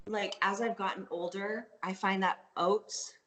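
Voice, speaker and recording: A woman's voice: medium pitch, steady tone, normal speed, a bit bright, reverberant. A young woman with a Canadian accent, chatting casually as an interview guest, full of likes and ums. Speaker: guest athlete.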